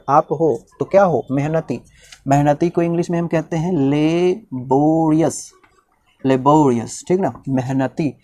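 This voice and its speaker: Male tutor, patient drill style: asks and answers his own questions, slows right down on each example sentence, keeps checking in with short tags. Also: a little high, a little mellow. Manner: says "ठीक ना" often as a check-in. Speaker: English teacher. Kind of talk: classroom-style lesson, Hindi explanation.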